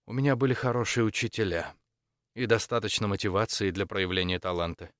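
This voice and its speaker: A man voicing a composed, patient female church dean in an audiobook, speaking in a measured and polite way. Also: lowish voice, fairly bright tone, no echo, studio quality, close to an everyday voice. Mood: calm.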